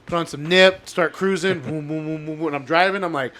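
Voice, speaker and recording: A man with a fairly high-pitched voice tells stories in loose, casual banter. He talks like a frat bro, leaning on slang, swearing and calling everyone dude. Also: a little fast, a bit bright.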